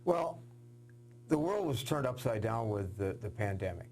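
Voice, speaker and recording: Gravelly-voiced guy hosting a local tv sports show, chatty questions, faint hum behind. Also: on the low side, lively intonation, darkish tone. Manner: earnest, halting questions with fillers. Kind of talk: TV sports interview.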